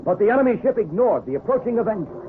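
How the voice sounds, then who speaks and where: A man with a high voice and big swings in pitch narrates at a quick pace, spinning a dramatic, suspenseful seafaring yarn in flowery vintage radio style. The audio is tinny and full of noise, like an old radio broadcast.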